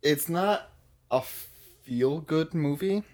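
A man's voice: fairly high pitch, slow. Man casually chatting about films. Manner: relaxed, searching for words. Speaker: podcast co-host. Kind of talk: casual film review chat.

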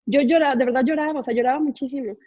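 A Mexican woman in her forties talks through her story as an interview guest, circling back with fillers and little asides. Her voice sits a bit high. It comes over a video call that sounds dull and lo-fi. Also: steady tone, very fast, husky. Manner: chatty, many fillers and asides, laughs while telling stories. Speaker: guest entrepreneur.

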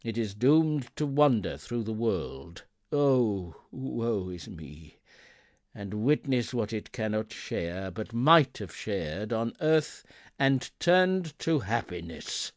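A man doing a booming, mournful chained ghost. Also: big pitch swings, no echo, studio quality. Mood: solemn. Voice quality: slow, solemn, booming.

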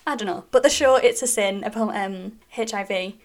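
A woman's voice: medium pitch, normal speed. A young woman with a British accent hosting a podcast, talking candidly and casually and laughing often between thoughts. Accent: British English. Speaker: podcast host. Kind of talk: personal podcast monologue.

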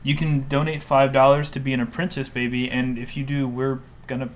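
A man co-hosting a podcast in casual, joking chat, teasing and rambling with a deadpan delivery. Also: medium pitch, brisk. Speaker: podcast co-host.

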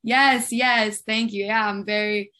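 A woman's voice: fairly high pitch, steady tone, slow pace, bright, forceful tone. A woman hosting a podcast, introducing her guest in a bubbly, friendly way. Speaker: podcast host.

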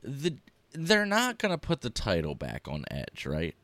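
A man's voice: medium pitch, measured pace. A man co-hosting a podcast, talking casually with lots of fillers and emphasis. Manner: animated, filler-heavy, emphatic. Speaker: podcast co-host. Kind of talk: casual chat.

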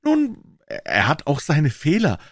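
A man voicing an excitable middle-aged pawnbroker who talks in high, eager exclamations in an audiobook. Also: takes it slowly, no echo, clean studio sound, full character voice. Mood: chatty. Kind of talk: audiobook character voice.

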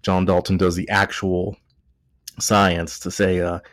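A podcast host from Texas, tipsy from beer, talks slowly in a deep, level voice. He's rambling and jokey in casual conversation, often correcting himself. The recording is dry.

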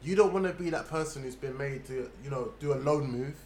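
A man's voice: mid-range voice, a little fast, a little mellow. A man with a London roadman accent, chatting casually and giving his opinions in street slang. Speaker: podcast guest. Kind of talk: casual chat.

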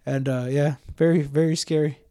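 A young man co-hosting a podcast, telling stories in a loose, profane, animated way with plenty of fillers. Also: on the high side, moderate pace, no echo, studio quality. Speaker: podcast co-host. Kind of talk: casual storytelling chat.

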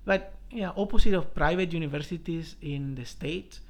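A middle-aged man from Colombia, a professor telling his life story in an interview, halting with many restarts. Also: a little high. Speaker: professor, guest.

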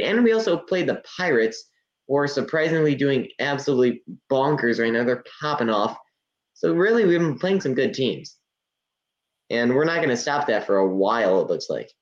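A man's voice: medium pitch, lively intonation, normal speed. A teenage boy co-hosting a casual podcast, teasing his friend and listing with many uhs. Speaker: podcast co-host. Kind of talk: casual chat. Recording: echoey, dull lo-fi mic.

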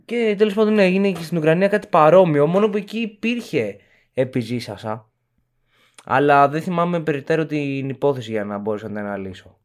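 A young man co-hosting a podcast, relaxed and joking as he speculates. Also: fairly high pitch. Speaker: podcast co-host. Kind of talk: casual podcast discussion.

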